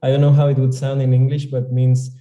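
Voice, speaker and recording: A man from Argentina, a Spanish speaker, talking as a yoga teacher guest in a relaxed, thoughtful way. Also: medium pitch, a little fast, highs cut off. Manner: relaxed, thoughtful, with fillers and some restarts. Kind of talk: casual interview. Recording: echoey room.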